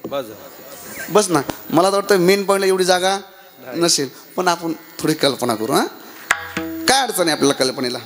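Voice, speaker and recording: A man's voice: high-pitched, normal speed, long pauses, over music. A man with a Marathi accent preaching a devotional kirtan sermon, telling stories, talking straight to the crowd and breaking into chants. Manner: animated storytelling, addressing the crowd directly; chants and sings between points.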